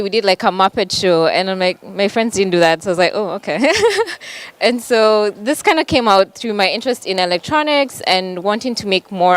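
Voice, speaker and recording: A woman's voice: mid-range voice, clear, resonant tone, no room sound. A young woman from Kenya giving a conference panel talk, casual and full of ums. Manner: casual, with frequent ums and light laughs. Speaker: panel speaker. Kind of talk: conference presentation. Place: conference hall.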